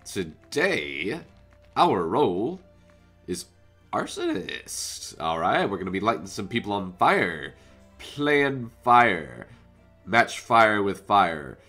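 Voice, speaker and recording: A gaming channel host with a congested, cold-stuffed voice chats casually about his own game, thinking aloud as he plays. His fairly low voice swoops wildly in pitch, sounds sharp and moves slowly. A faint music bed plays underneath.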